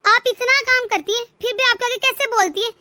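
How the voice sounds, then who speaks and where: A spoiled young married daughter from a cartoon family story, voiced by a woman. She taunts and whines in a very high, bright voice. The recording is close and dry. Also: fairly even intonation, fairly quick, no room sound. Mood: taunting. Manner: taunting, whiny. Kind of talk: cartoon voice acting.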